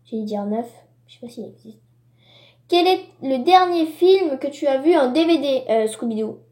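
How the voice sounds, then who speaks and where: A woman's voice: sits high, dark tone, echoey room. A woman vlogger from France reading tag questions aloud and answering them in a casual, rambling way with asides. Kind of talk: casual tag-video chat.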